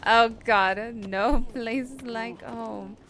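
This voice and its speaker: A woman's voice: on the high side, steady tone, extremely slow, fairly bright tone, slight background noise. Giggly nervous woman gaming streamer. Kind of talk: casual game commentary.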